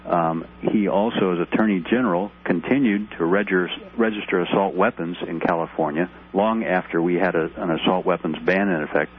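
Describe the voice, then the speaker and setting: Over a tinny phone line with faint noise, a middle-aged ER doctor and congressional candidate phones a talk radio show. He talks a little fast in a low voice, barely pausing, as he earnestly and steadily cites figures.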